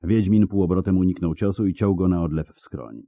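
Male narrator, very low voice, dark tone, dramatic reading, animated pitch. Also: brisk, dry recording. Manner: vivid, dramatic storytelling. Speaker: audiobook narrator. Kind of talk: scripted narration.

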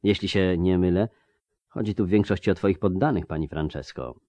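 Thoughtful pilgrim, measured and probing, read by a male narrator. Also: low-pitched, warm tone, dry recording.

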